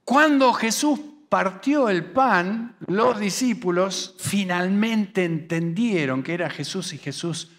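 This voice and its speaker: A man with a Rioplatense Spanish accent preaching a sermon at a youth camp. He acts out quoted voices, dropping low and quiet for asides, and slows and rises for emphasis. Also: lively intonation.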